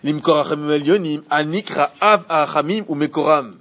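Un homme qui donne un cours de Torah de façon animée et pose des questions à ses élèves. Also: male voice, fairly high pitch, normal speed, muffled recording. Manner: animated, asks the class questions. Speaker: Torah teacher. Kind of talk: Torah class.

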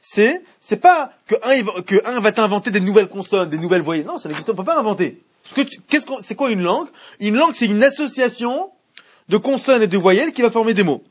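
With a husky, high-pitched voice, lively intonation and a quick pace, a man runs a Torah class in French that includes Hebrew readings. He often asks the students questions and says things more than once, heard through a muffled lo-fi classroom recording.

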